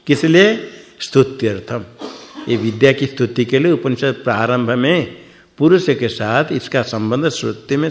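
A man's voice: mid-range voice, creaky. A man giving a scripture lecture as a teacher, posing questions and answering them himself, repeating words for emphasis. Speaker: Vedanta teacher.

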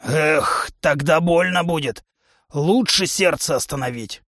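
A man's voice: a little high, measured pace, fairly bright tone, no room sound, studio quality. A man voicing a huge, hot-tempered male musk-ox humanoid who trains fighters with a club, in a blustering drill-sergeant manner. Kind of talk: audiobook character voice.

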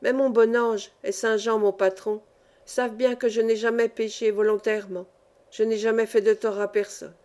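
Lady reading a stubborn miner dude, indignant, bit of a high voice. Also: little pitch movement, normal speed, dark tone, lightly acted. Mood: defensive. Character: male miner, stubborn and vengeful.

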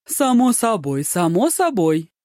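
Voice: medium pitch, animated, normal speed, darkish tone, dry recording, clean studio sound, voice pushed up, close to an everyday voice. A narrator voicing a flamboyant, tipsy male poet who is effusive and theatrically pleased with himself. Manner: effusive, theatrical, self-satisfied.

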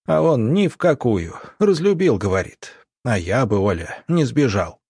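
A man voicing a smug, scheming military doctor who wheedles and snarls, with a husky voice. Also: medium pitch, big pitch swings, unhurried, a little mellow, no room sound, studio quality, full character voice. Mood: wheedling.

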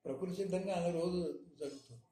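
A man giving a spiritual discourse, teaching with frequent rhetorical questions in a measured, emphatic manner. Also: high-pitched, warm tone. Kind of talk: satsang discourse. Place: hall in Hyderabad. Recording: echoey room, faint noise.

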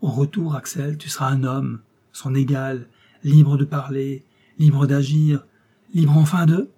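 A man reading an audiobook, voicing a gentle but resolute young woman who speaks softly and earnestly. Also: medium pitch, level tone, measured pace, slightly rough. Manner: soft, earnest, tender.

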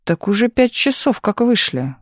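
A fussy, excitable young reporter who objects to everything, his voice pushed a little higher than the narrator's own, as a man puts him on for an audiobook. The sound is dry and close. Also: dry recording. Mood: complaining. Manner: complaining, nervy, quick to object.

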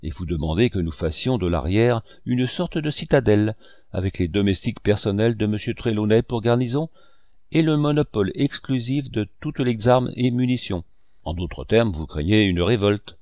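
A man reading an audiobook, voicing a calm, lightly ironic male doctor. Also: fairly low pitch, normal speed, no room sound, clean studio sound, lightly acted. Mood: measured.

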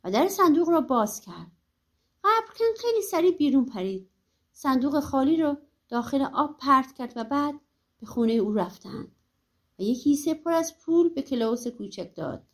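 A woman reads a folk tale aloud in a lively, animated storytelling style. Her voice is high and clear. She narrates for an audiobook.

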